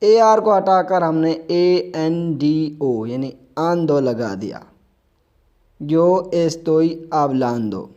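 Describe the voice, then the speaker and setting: A man's voice: on the high side, takes it slowly, few pauses, darkish tone, highs cut off. A man with an Urdu accent teaching a spoken language lesson, spelling out letters and repeating example sentences.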